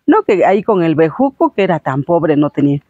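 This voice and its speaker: A woman's voice: low voice, big pitch swings, a little fast, dark tone, no room sound, dull audio. A woman, a show host retelling a fairy tale casually with lots of fillers. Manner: homely, filler-heavy retelling. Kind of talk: casual storytelling.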